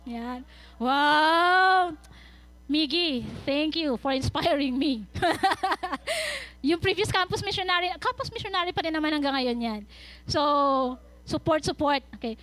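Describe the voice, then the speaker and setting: Bright, high-voiced young woman storyteller. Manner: lively Taglish storytelling, quick asides and laughs. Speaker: youth speaker. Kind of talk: youth sermon storytelling.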